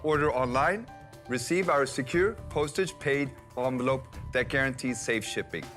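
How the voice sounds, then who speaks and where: Brief: man raised in Sweden, TV business pitch, halting filler-laden answers, mid pitch, light music bed. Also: fairly bright tone. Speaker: entrepreneur pitching on TV.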